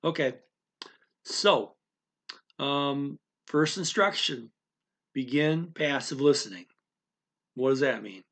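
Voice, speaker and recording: Slow and full of long pauses, this language teacher speaks in a mid-range, slightly bright voice with lively intonation. A native English speaker, he rambles through a casual lesson aimed at the learner, restarting often and repeatedly asking "okay?".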